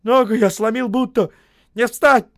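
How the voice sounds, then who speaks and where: A man voicing a bold, cheerful older workman who hollers orders and rough scolding. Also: high-pitched, moderate pace, no room sound, clean studio sound, pitched above the performer's own voice, close to an everyday voice. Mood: gruff joking.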